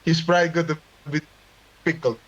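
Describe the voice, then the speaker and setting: A man's voice: fairly high pitch, steady tone, a little fast, a bit bright. A man playing a tabletop game over an online call, joking offhand while his voice keeps cutting in and out on a bad connection. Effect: voice cutting in and out on a bad internet connection. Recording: muffled, distant voice over a breaking-up call.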